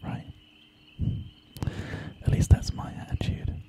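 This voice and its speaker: A man's voice: takes it slowly, background noise. A man whispering casually and reassuringly as an ASMR live streamer, chatting unhurriedly with his viewers.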